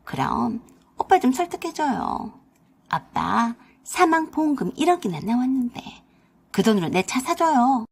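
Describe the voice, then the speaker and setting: A woman voicing a spoiled, greedy young sister-in-law in a storybook radio drama, talking high, loud and pushy. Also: big pitch swings, unhurried, creaky, slightly rough, exaggerated voice. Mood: wheedling.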